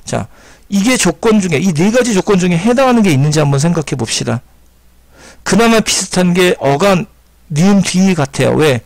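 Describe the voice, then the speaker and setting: A man's voice: sits high, expressive, moderate pace, vocal fry, no room sound. A man teaching an exam-prep grammar lecture, explaining step by step and repeating key terms as he sounds words out. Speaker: Korean language teacher.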